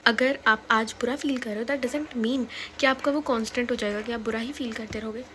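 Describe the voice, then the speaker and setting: Teenage girl from India, high voice, chatty and laughing, casual vlog, faint room ambience. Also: fairly even intonation, fairly quick, a bit bright, a little hiss or hum. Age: teens. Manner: chatty, laughing often, mixes English into Hindi. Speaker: student vlogger. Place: bedroom, on bed.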